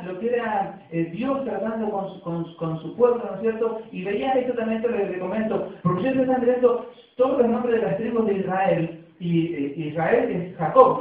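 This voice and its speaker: A man with an Argentine accent preaching a sermon as a pastor, talking conversationally with frequent tag questions, recorded in a church. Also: sits high. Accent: Argentine Spanish. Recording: echoey, distant, phone-like church recording.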